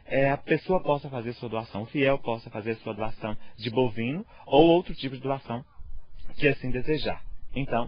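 A Brazilian priest, a man in his thirties, giving an interview statement outdoors into a handheld microphone. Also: medium pitch. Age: 30s. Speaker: parish priest. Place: outdoors on a farm. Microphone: handheld reporter microphone. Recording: dull TV field audio.

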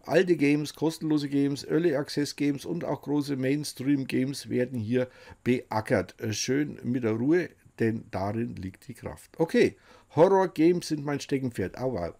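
A man's voice: medium pitch, measured pace, vocal fry, warm tone. A middle-aged man chatting casually and jokingly as host, talking to himself and to the viewer in reaction commentary. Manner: jokey, talks to himself and the viewer. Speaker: host presenting another creator's channel.

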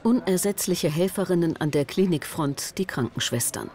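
Female narrator for a TV report, measured studio read. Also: on the low side, lively intonation, a little mellow, a little hiss or hum. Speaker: documentary narrator. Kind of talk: scripted narration. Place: studio voice-over.

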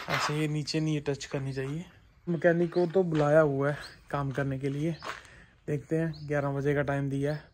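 A man's voice: fairly high pitch, noisy background. A man in his thirties casually vlogging his day at a small factory, chatting and explaining things as he goes. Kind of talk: casual vlog. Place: small tile factory and car.

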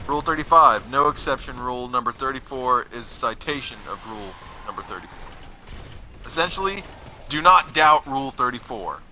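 A man's voice: mid-range voice, lively intonation, moderate pace, pushed and bright, slight background noise. A young man chatting casually and crudely, with plenty of swearing, in a gaming voice chat. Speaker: online gamer.

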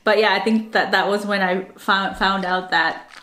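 A woman's voice: medium pitch, steady tone, normal speed, pushed and bright. A young woman vlogger chatting casually over a mukbang meal, filling her talk with "like" and laughing often. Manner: chatty, lots of "like" and laughter while eating. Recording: echoey room.

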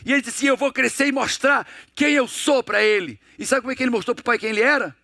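A man's voice: fast talker, vocal fry, no room sound, studio quality. A middle-aged Brazilian man giving an emphatic motivational lecture, firing rhetorical questions at the audience. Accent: Brazilian Portuguese. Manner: acts out dialogues in a lowered, hushed voice. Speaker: coach and motivational speaker.

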